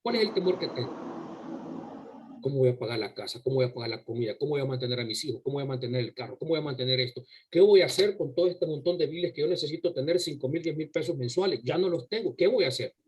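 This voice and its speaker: A man's voice: medium pitch, quick pace, husky, rough recording. A man preaching a sermon to his congregation, emphatic and full of rhetorical questions, often repeating words as he goes. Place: church service before a congregation.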